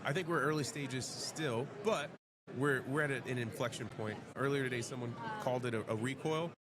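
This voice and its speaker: A man's voice: mid-range voice, a little fast, noisy background. A man speaking as a guest on a panel at a convention showroom floor, thoughtful and often adding "right?" at the end of a point. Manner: thoughtful, frequent "right?" tags. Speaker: guest, fleet charging developer. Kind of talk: panel discussion. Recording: crowd chatter behind. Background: crowd of convention visitors.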